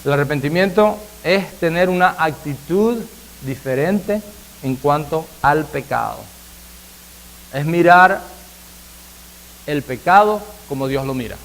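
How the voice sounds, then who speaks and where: A man with a somewhat high voice leads a sermon as the pastor. He tells stories softly and keeps checking in with his listeners through rhetorical questions. He then rises into forceful, repeated declarations. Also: expressive, slow pace, long pauses, low-quality recording. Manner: repeats phrases and asks the congregation "¿verdad?"; builds from soft storytelling to loud emphatic preaching.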